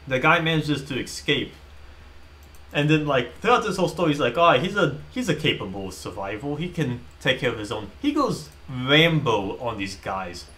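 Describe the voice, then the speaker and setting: A man with a fairly high voice chatting as a gaming streamer. He rambles through a film retelling and keeps it loose and animated. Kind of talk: casual commentary while playing.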